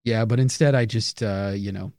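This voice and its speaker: A man's voice: on the low side, fairly even intonation, moderate pace, a little mellow, no echo, studio quality. An American man co-hosting a comedy podcast with casual, wordy banter.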